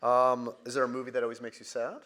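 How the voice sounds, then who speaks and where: A man's voice: mid-range voice, monotone, fast, a bit bright. A male podcast host interviewing a guest live on stage, teasing and laughing often. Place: theater stage before a live audience.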